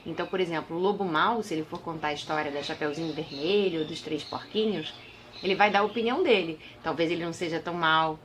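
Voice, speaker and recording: Lively woman teacher reading to children. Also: fairly low pitch, slight background noise. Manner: lively, addressing children directly. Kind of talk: storytelling lesson for children.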